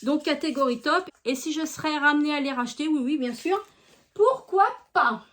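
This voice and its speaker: High-voiced chatty woman. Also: steady tone, fast, a bit bright. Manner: chatty, many hesitations, addresses viewers directly. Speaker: beauty vlogger. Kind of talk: casual product review.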